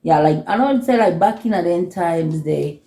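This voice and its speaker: A woman in her forties with a Belizean Kriol accent, chatting casually and haltingly, often repeating herself. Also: on the low side, animated, warm tone. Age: 40s. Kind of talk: casual sisterly chat. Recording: echoey room.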